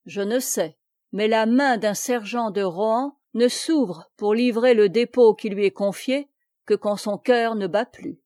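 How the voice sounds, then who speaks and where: A loyal, plain-spoken soldier answers his captain in a slow, mellow voice, as a woman reads him aloud. He talks bluntly and without fuss. The recording is close and dry. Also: on the high side, no room sound, lightly acted. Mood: earnest. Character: blunt, loyal male soldier, man-at-arms.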